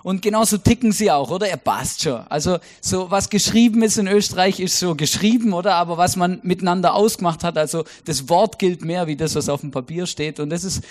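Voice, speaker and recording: Young male preacher, high voice, casual chatty sermon full of fillers. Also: fairly even intonation, fairly quick, hardly any pauses. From Germany.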